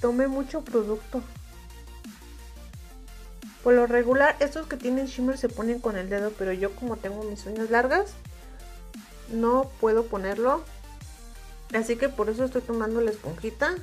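Woman, Mexican Spanish accent, high pitch, calm step-by-step makeup tutorial, soft music underneath. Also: normal speed, long pauses. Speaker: makeup reviewer.

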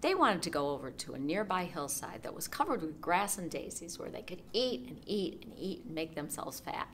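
A woman reading a children's story aloud at library storytime in an expressive, sing-song way. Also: on the low side, moderate pace, slight background noise.

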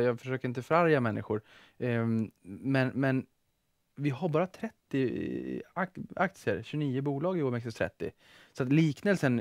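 A man's voice: medium pitch, no echo. A Swedish man co-hosting a stock market show in casual studio chat, joking and often repeating words as he starts a sentence. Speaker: co-host of an investing show.

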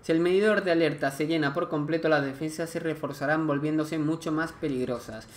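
He's a gameplay commentator whose voice runs on the high side at a fairly quick clip. In this let's play commentary, he muses aloud while playing and reads the game's text along the way.

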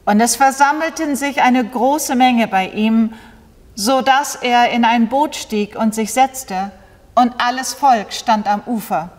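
Slow, measured woman pastor in a chapel. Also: on the high side. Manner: slow, measured liturgical delivery. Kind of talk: liturgical reading. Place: small brick-walled chapel, indoors. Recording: long reverb in a chapel.

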